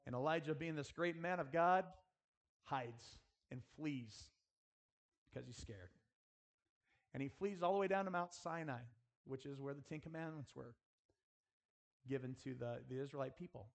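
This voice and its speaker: This man speaks at medium pitch and a moderate pace, his voice creaky and broken by long pauses. He preaches earnestly as in a school chapel, exhorting listeners directly through rhetorical questions and prayer.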